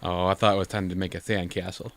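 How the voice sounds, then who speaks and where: This gaming video co-host sounds low and flat, talking at a quick pace with a slightly bright edge and no echo. He has a bad cold and keeps coughing while tossing out dry, sarcastic jokes about the game, with room noise and game audio in the background.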